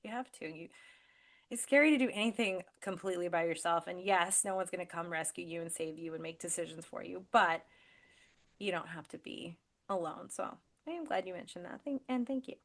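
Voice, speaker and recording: A woman's voice: on the low side, brisk. A woman hosting a podcast, chatting casually and encouragingly with a friend, laughing often. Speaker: podcast host and life coach.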